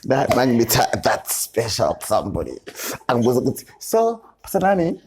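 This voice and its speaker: A woman's voice: rumbling low, wildly swooping pitch, moderate pace, a little mellow, a little hiss or hum. A South African woman talking in a playful, affectionate and teasing way during a casual group chat. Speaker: guest.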